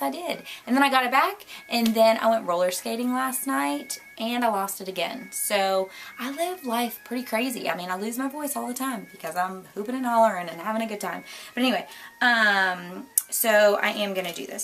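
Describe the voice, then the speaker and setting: A young woman with a hoarse, worn voice, chatting casually at home in a rambling, bubbly way with lots of asides. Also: mid-range voice, a bit bright, a little hiss or hum. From Florida, US. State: hoarse, losing her voice. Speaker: beauty vlogger. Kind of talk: casual chat. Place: home, indoors. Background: light jazz music.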